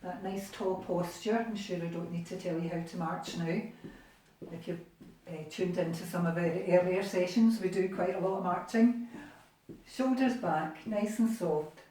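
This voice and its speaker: Mellow-voiced Scottish woman leading exercises. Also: lowish voice, a little hiss or hum. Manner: encouraging, chatty. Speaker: exercise instructor. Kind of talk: guided exercise class. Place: living room. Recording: echoey room, distant mic.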